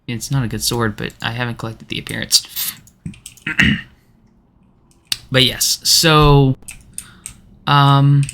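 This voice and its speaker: A man's voice: medium pitch, slow pace, pauses often, sharp tone. A man streaming a game, chatting casually and rambling with lots of restarts and fillers. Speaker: gaming streamer. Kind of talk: casual chat while playing.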